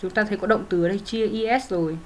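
A woman's voice: medium pitch, steady tone, fast talker, a little hiss or hum. A woman teaching English grammar, working through answers step by step in a methodical way, with frequent fillers and self-corrections. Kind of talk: explaining grammar exercises.

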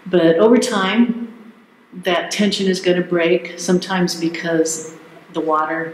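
A man working as a tour guide, explaining things in a halting, thoughtful way inside a cave with an echo. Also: on the high side. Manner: halting, thoughtful phrasing with repeated words. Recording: echoey cave with faint background noise.

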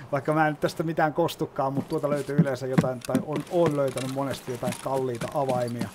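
A man talks his way through a match, explaining each move and swearing freely. His voice sits in a middling pitch, and loud game noise runs under everything he says. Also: fairly even intonation. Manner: chatty, explains as he plays, swears often. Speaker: gaming YouTuber. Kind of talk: gameplay commentary.

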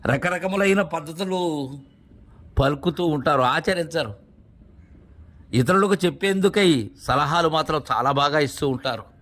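A man teaches in a devotional discourse, explaining verses one phrase at a time. His voice sits a little high for a man. He repeats his points and asks rhetorical questions. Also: animated, unhurried, long pauses, a bit bright.

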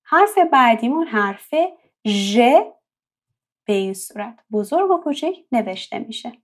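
A young woman with a fairly high voice gives a patient language lesson. She explains each point, then says the example words slowly and clearly, drawing them out so learners can copy them. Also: sing-song. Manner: slow, drawn-out repetition of example words. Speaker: language teacher.

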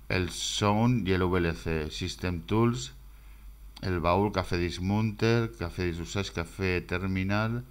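A man casually talking through a desktop demo as he goes, rambling and repeating himself as he thinks aloud. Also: sits low. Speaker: screencast maker. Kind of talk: casual screen-recorded demo.

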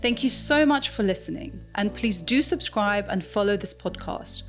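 A woman in her thirties hosting a podcast from a living room, enthusiastic and warm, speaking into a studio mic. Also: medium pitch, lively intonation, moderate pace, faint music behind. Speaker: podcast host. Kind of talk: podcast intro and interview. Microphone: studio mic on boom arm.

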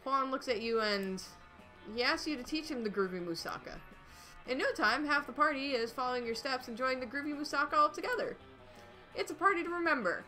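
Woman reading game text out on stream, high bright voice, playful and dry. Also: animated, a little fast, soft background music. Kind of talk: casual narration of a dating game.

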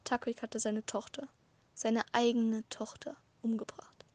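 A woman narrating a fan-written story as a short audiobook, with a measured, dramatic reading and occasional slips. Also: on the high side, level tone, darkish tone, no room sound. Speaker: amateur audiobook reader.

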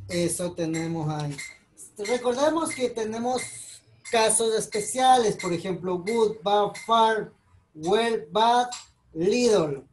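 Patient woman teacher, measured delivery, spells things out for her students. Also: medium pitch, darkish tone, a little hiss or hum. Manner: patient, explains slowly step by step, spells out letters. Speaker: English teacher. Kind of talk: recorded online class explanation.

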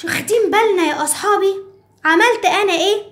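With an Egyptian Arabic accent, a woman speaks quickly in a very high, slightly bright voice, playing a cheeky, chatty little girl. In a playful mood, the character treats the children as her friends while teaching them an English lesson.

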